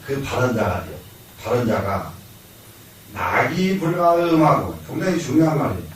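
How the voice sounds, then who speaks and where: An older monk with a Jeolla Korean accent lectures in a lively, rising and falling voice. His voice reaches the mic from across a large hall with heavy echo, and a faint room noise hangs behind it. He drives points home by repeating them and answering his own questions. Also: medium pitch, moderate pace. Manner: explains by repeating lines, asks and answers himself, chuckles. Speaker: Buddhist monk lecturing on classics. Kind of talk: classroom lecture. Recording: echoey hall, mic from far off.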